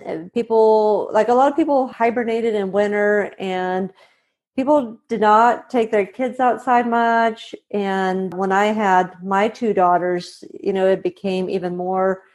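Brief: woman, 40s, guest author, easygoing and unhurried, filler-heavy talk. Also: medium pitch. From Sweden. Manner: relaxed, with frequent ums and uhs. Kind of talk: conversational interview answers.

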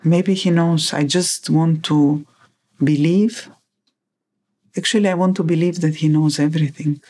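A woman's voice: sits low, steady tone, a little slow, dark tone, slightly rough. A woman being interviewed as a missing person's mother, speaking hesitantly and searching for words.

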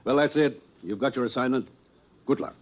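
An actor playing an authoritative male spy chief who briefs his agent in a measured way. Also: mid-range voice, lightly acted. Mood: grave. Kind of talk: 1950s radio drama acting.

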